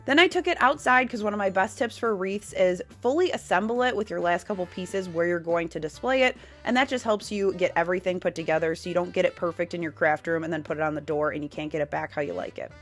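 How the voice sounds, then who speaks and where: A woman's voice: fairly low pitch, fast talker, few pauses, fairly bright tone, soft background music. A woman in a casual tutorial vlog, chatty and upbeat, explaining how she makes her holiday decor step by step. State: nasal from a cold. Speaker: DIY home decor creator. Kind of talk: casual DIY tutorial narration.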